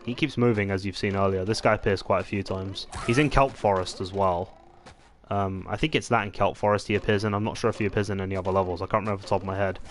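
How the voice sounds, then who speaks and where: A man chatting casually as he commentates his gameplay, rambling with many pauses and restarts. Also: sits low, fairly even intonation. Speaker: gaming channel host. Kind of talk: let's-play gameplay commentary.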